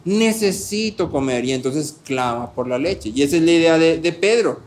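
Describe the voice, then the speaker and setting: A man preaching a sermon as a pastor, animated, asking rhetorical questions and swinging between soft and loud delivery. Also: fairly high pitch, brisk, a little hiss or hum.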